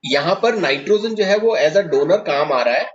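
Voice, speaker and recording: A man's voice: a little high, expressive, normal speed, muffled recording. A man teaching chemistry in a classroom lecture, explaining step by step and putting questions to his students.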